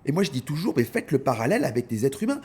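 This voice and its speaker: Husky, animated French man telling stories. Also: mid-range voice, rapid-fire. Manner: animated storyteller, acts out scenes, repeats words when starting. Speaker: dog content creator, guest. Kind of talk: casual conversational interview.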